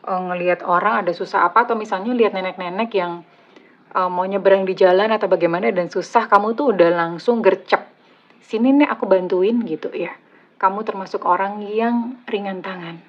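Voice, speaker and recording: A woman with an Indonesian accent and a slightly husky voice, doing a casual, chatty tarot reading for her viewers, teasing and joking as she goes. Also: mid-range voice, fairly even intonation, brisk. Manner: chatty, teasing, laughs at own jokes. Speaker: tarot reader. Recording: slightly dull lo-fi audio.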